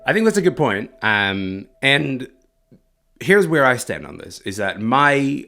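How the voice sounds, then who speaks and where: A man's voice: mid-range voice, very animated, unhurried, vocal fry, loud music behind the voice. A man from Sudan, a culture writer, speaking as an interview guest in a thoughtful, reflective way with frequent "um" and "like". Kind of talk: interview over the phone or remote line.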